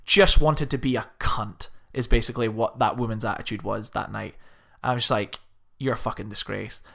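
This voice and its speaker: A young man co-hosting a podcast in casual chat, animated and swearing often as he acts out the people in his stories. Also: mid-range voice, normal speed, creaky. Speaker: podcast co-host.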